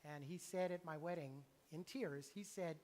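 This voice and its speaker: A man's voice: a little high, moderate pace, darkish tone. Earnest preacher man in echoing church. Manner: earnest, confessional, conversational preaching. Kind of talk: sermon. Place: church sanctuary. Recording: long reverb of a church hall.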